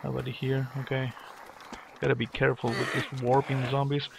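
A man's voice: medium pitch, level tone, fairly quick, vocal fry, heavy background noise. A man muttering terse commentary and curses at enemies while playing a game. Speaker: gamer. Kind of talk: gameplay commentary. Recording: loud gunfire behind the voice.

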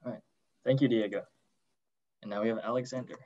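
A man's voice: medium pitch, fairly even intonation, fast talker, darkish tone. A man hosting a student club meeting over a video call, briefly introducing each speaker. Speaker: meeting host. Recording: dull distant video call audio.

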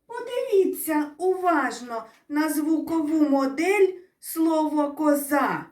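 Slow, sing-song woman teaching small children. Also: sits high. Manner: drawn-out, sing-song explaining, asking the children questions. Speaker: kindergarten teacher. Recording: echoey room, voice from a distance.

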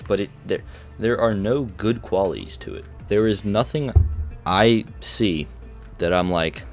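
A man's voice: fairly low pitch, lively intonation, unhurried, soft background music. A man casually chatting through a snack taste test, joking and reacting with exaggerated disgust. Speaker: vlogger reviewing snacks.

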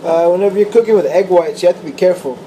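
A man's voice: high voice, racing, slight background noise, rough recording. Young man casually talking through cooking. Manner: relaxed, matter-of-fact, uses fillers. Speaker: vlogger. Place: home kitchen indoors, then a car. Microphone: handheld camera close, at times set down.

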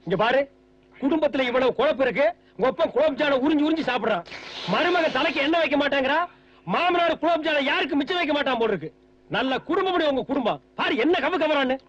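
A man's voice: very high voice, expressive, fast, a bit bright. An actor playing a sarcastic village man who scolds and mocks the people around him, on a dull old film soundtrack. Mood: mocking. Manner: mocking, scolding rants. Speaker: comic lead in a village comedy film.

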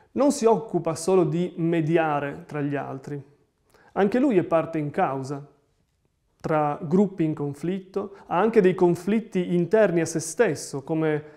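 A pastor in his forties delivers a calm, reflective sermon. His voice sits high for a man. He speaks from a small room lined with bookshelves, facing the camera. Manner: measured, reflective preaching.

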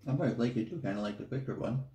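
A man's voice: mid-range voice, rapid-fire, dark tone. A man co-hosting a home vlog, chatting casually and making short laid-back remarks while he chews his food. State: talking while chewing. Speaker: vlog co-host. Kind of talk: casual food review chat. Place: indoors at home. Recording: echoey room.

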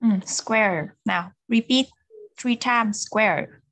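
A woman's voice: mid-range voice, drawn-out words, a bit bright, dry recording. A young woman with a Vietnamese accent, a native Vietnamese speaker, teaching English in an online lesson. She drills words patiently and switches between English and Vietnamese. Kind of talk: online repeat-after-me language drill.

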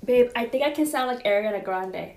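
A young woman doing comedic skits in an animated, brash way, swearing freely. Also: a little high, brisk, no room sound. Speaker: comedy content creator.

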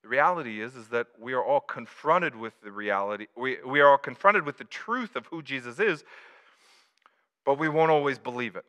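A man pastor preaching a conversational sermon, swinging from loud emphatic build-ups to soft low confessions, with repeats and stumbles. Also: expressive, moderate pace. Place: church livestream.

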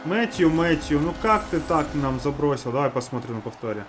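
A man casually commentates his own hockey video game, chatting to his teammates as he goes. His voice sits a little high, with faint game noise behind it. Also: animated, fairly quick. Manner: talks to teammates and himself.

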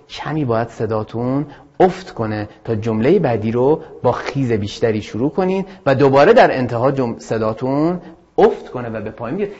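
A man's voice: medium pitch, a little mellow. A man teaching an English lesson to students, explaining patiently and addressing them directly. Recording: dull lo-fi audio.

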